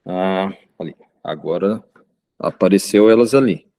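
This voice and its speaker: A man's voice: low-pitched, unhurried, warm tone. A middle-aged man from Goiânia, preaching an informal sermon, hesitant with many fillers and restarts. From Goiânia, Brazil. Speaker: visiting preacher.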